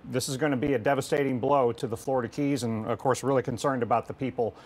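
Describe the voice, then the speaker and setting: A man anchors live storm coverage in a medium-pitched voice. He speaks in halting phrases, pausing and restarting as he sets up questions for a guest. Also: steady tone. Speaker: weather broadcast host.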